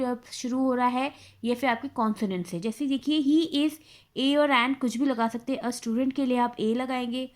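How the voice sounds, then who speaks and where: A woman teacher leads a grammar lesson. Her voice sits high. She explains patiently and step by step, sounding out each example word slowly. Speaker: English teacher.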